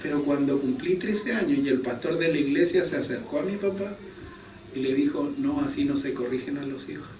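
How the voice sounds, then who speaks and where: Male preacher, fairly high voice, casual storytelling sermon, echoey church from a distance. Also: expressive, brisk, noisy background. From Chile. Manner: conversational storytelling, chuckles at himself. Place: church hall.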